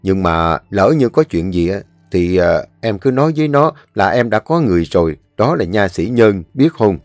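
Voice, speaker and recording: Người kể chuyện đóng ông chủ điền già nghiêm nghị. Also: male voice, lowish voice, sing-song, moderate pace, darkish tone, no room sound, faint music behind. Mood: reassuring. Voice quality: firm, commanding manner. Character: stern, protective elderly village landlord.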